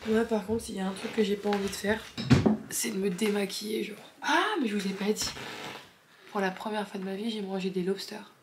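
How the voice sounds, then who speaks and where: A woman's voice: medium pitch, flat delivery, quick pace, very noisy. A young woman in her twenties from France with a French accent, chatting casually to the camera in a vlog, mixing English words into her talk. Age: 20s. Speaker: vlogger. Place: home interior, kitchen. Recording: roomy home with background music.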